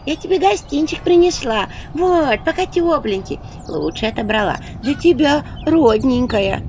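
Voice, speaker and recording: A woman's voice: sits high, sing-song, measured pace, a little mellow, pitched above the performer's own voice. A woman voicing a sly, fawning village woman with a syrupy, wailing way of pleading. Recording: dull audio with faint noise.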